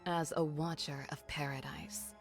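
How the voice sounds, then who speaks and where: Solemn female android guardian for a game, a little low, with faint music behind and audio dropouts. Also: fairly even intonation, measured pace. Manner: solemn, formal speech. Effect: voice cutting out in dropouts. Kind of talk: game dialogue.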